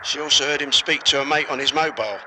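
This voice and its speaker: Man as a police sergeant, bright tinny radio voice, faint ambience. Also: on the high side, quick pace, a little hiss or hum. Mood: matter-of-fact. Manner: matter-of-fact. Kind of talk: radio drama acting.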